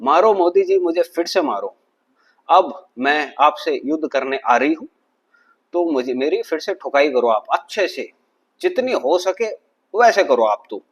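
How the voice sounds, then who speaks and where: A man's voice: a little high, big pitch swings, a little slow, breathy edge, heavily acted. A man voicing a brazen woman who taunts and pleads to be beaten again, in a mocking skit. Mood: taunting plea. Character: brazen woman begging for another beating.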